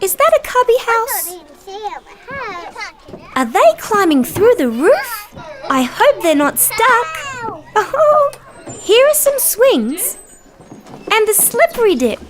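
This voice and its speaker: A woman voicing a cheerful, gentle female dinosaur who narrates for small children in a sing-song, encouraging way. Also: extremely high pitch, noisy background, heavily acted. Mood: cheerful, curious. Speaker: children's show character.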